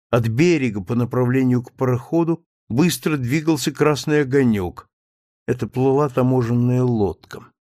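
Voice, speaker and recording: A man reading a story aloud as an audiobook narrator, steady and measured. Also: mid-range voice, dry recording, clean studio sound. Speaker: audiobook reader. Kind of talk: scripted narration.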